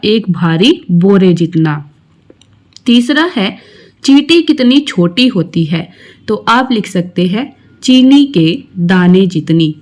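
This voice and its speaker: A woman teaching a textbook lesson to young schoolchildren, reciting a short poem and then going through each exercise step by step. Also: mid-range voice. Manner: slow, explaining each step to young children.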